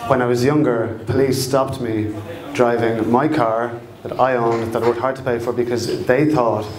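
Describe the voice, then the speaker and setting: A middle-aged Irish man tells a personal story as if by the fireside. His pitch stays very even, and he speaks in a halting, reflective way, feeling for his words. The room around him is noticeably echoey. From Dublin, Ireland. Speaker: storyteller at a live storytelling night. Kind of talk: fireside storytelling, personal anecdote told live. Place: indoor live storytelling event, echoey room.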